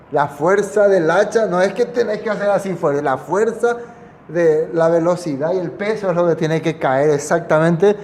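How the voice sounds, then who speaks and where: A man's voice: fairly high pitch, a little mellow, big-room sound, a little hiss or hum. A man teaching a Bible passage to a small congregation in a conversational way, often checking that his listeners follow. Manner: conversational, asks the listeners for agreement. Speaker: preacher.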